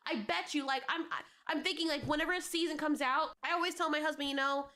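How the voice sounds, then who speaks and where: A woman's voice: high voice, fairly even intonation, quick pace, pushed and bright. A young adult woman co-hosting a reaction show, ranting in heated, exasperated casual chat and swearing freely. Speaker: co-host reacting to clips.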